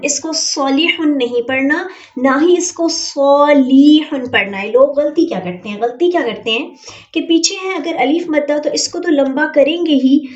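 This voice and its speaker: Young female tajweed teacher, Urdu accent, high and patient, drawn-out demonstrations, muffled distant home recording. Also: roomy sound. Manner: patient, stretches example words slowly to demonstrate. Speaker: Quran teacher. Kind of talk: online tajweed lesson.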